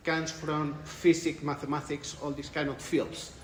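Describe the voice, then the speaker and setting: With a fairly high pitch and little pitch movement, the Spanish researcher speaks a little slowly as he answers interview questions at a conference. He's in his forties, uses English with a Spanish accent, and often restarts his phrases while thinking. Light ambience, an echoey room and a little hiss or hum are audible.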